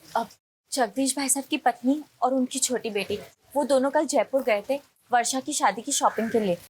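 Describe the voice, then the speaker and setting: A woman's voice: sits high, moderate pace, a little hiss or hum, natural voice. An actress playing a worried female neighbour who answers police questions in a subdued way in a TV crime drama.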